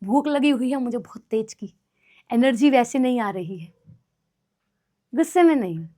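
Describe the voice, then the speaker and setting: A woman's voice: on the high side, animated, moderate pace, mellow. A woman teacher giving an online class lecture, explaining step by step, mixing in English terms and checking in with students often. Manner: chatty, addresses students as "मेरे भाई".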